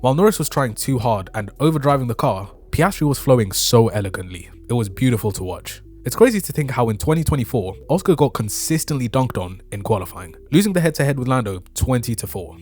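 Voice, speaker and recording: A man's voice: mid-range voice, lively intonation, fast, few pauses, a little mellow. A man giving opinionated, scripted motorsport commentary in casual fan slang, as a video creator reviewing a race. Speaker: motorsport YouTuber reviewing a Formula One race. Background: background music.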